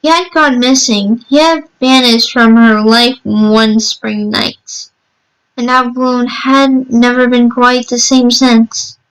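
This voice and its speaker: A woman narrating a scripted horror story, reading haltingly and often repeating words as she goes. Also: fairly high pitch, steady tone, a bit bright, clear, resonant tone, rough recording.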